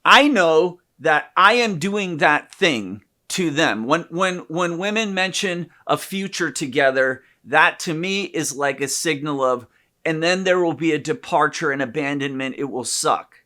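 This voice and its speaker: A man co-hosting a candid conversation about relationships, talking in an animated, profane way with loud bursts of emphasis. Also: a little high, a little slow. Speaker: podcast co-host, therapist.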